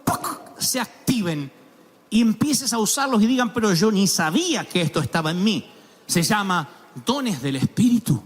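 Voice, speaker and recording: A man preaching a sermon as pastor, animated and storytelling, with sudden exclamations and voices put on for the people he describes. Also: high-pitched. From Argentina. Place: large church auditorium.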